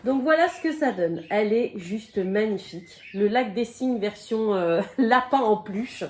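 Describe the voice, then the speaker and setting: A woman's voice: mid-range voice, expressive, darkish tone, slight background noise. Chatty woman with a slight cold. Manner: chatty, fills pauses with "donc" and "euh"; coughs and apologizes now and then. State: has a cold, slightly croaky voice. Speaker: crafting vlogger. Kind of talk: casual unboxing chat.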